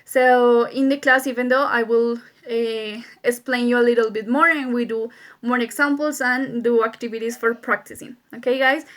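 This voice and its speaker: A woman's voice: fairly high pitch, steady tone, normal speed. A woman teaching English grammar to her pupils in a recorded lesson, patient and repeating each key point, spelling letters out.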